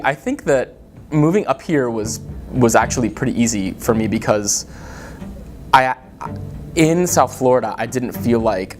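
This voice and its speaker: A man from the Dominican Republic, a community advocate, giving earnest and thoughtful interview answers in short, halting phrases. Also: medium pitch. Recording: guitar music playing underneath. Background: soft guitar music.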